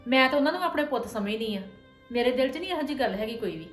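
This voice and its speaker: Lightly acting the part of a daughter-in-law in a domestic drama, a woman with a slightly high, animated voice plays a young wife who feels unfairly blamed. Hurt, earnest and tired of blame, she speaks fast in a pleading, defensive way, with reverberation and faint music behind.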